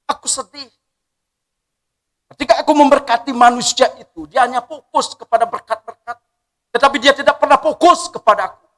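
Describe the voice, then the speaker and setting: A man preaching a sermon, voicing God as a stern, commanding male divine voice that declaims loudly at a raised pitch. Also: steady tone, brisk, big-room sound. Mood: sorrowful.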